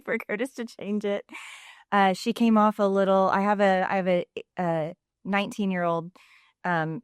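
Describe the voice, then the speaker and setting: A woman in her forties, a podcast guest, talking casually and laughing often between quick asides. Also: mid-range voice, clear, resonant tone, no room sound, studio quality.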